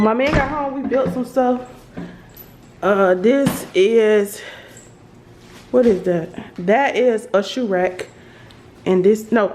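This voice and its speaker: Over clear household background noise, a woman with a Southern American accent talks informally to her viewers. Her voice sits at a medium pitch. She rambles through a home makeover tour, thinking out loud. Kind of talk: casual chat to viewers during a house tour. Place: indoors, rooms of a house. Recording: noisy handheld home recording, household ambience.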